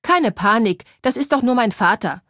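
A woman's voice: fairly high pitch, expressive, moderate pace, fairly bright tone, dry recording, clean studio sound, voice pushed up. A woman voicing a curious, eager young girl in a storybook.

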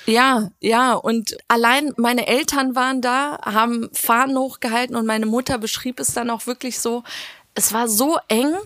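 A young woman with a somewhat high voice, co-hosting a relaxed political talk. She speaks earnestly and with feeling, in long unbroken runs. Her voice sounds close and dry, with no room around it. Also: normal speed, dry recording. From Iran. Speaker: podcast co-host. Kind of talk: casual political chat.

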